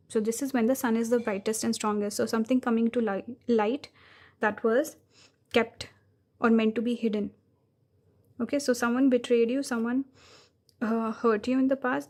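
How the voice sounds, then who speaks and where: Female tarot reader, slightly high voice, casual, hesitant, self-correcting. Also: darkish tone. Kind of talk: pick-a-card tarot reading.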